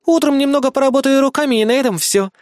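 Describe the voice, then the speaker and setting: A reader voicing a red-haired female lieutenant who speaks in an innocent, even tone. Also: high voice, quick pace, dry recording, studio quality, voice pushed up, natural voice. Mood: dreamy. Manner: flat, innocent tone.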